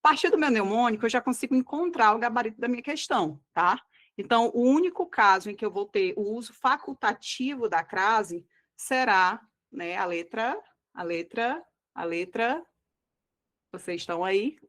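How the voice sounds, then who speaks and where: A woman's voice: a little high, animated, fairly bright tone. Brazilian woman teaching, didactic and patient. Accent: Brazilian Portuguese. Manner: didactic, checks in often with "tá?" and "tá bom?"; slows down to stress key words. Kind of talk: online exam-prep lesson.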